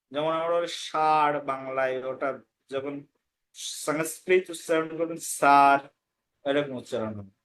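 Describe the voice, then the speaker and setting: A man teaching a scripture class, patiently repeating words to demonstrate correct pronunciation. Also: medium pitch. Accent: Bengali. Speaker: Gita course teacher. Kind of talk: pronunciation lesson.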